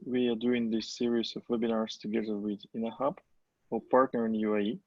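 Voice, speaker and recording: A man hosts a webinar in a halting way, full of "like" fillers. His voice has a gravelly fry. The audio is dry and dull, like a video call. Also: fairly low pitch, little pitch movement, dry recording. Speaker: webinar host. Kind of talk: webinar conversation.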